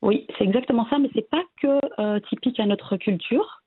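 A woman's voice: a little high, moderate pace, breathy edge, no echo. Belgian-born woman on a tinny line. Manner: warm, hesitant, many fillers and restarts. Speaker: guest. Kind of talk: casual interview conversation.

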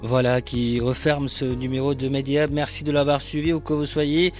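A man hosting a radio interview, asking formal, measured questions. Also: medium pitch, level tone, darkish tone, faint music behind. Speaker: radio show host.

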